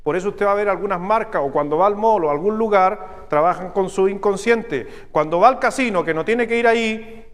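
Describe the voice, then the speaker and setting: High-voiced Chilean pastor preaching in a hall. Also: male voice. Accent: Chilean Spanish. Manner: teaching preacher, checks in with the congregation with quick questions. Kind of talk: sermon. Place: church sanctuary.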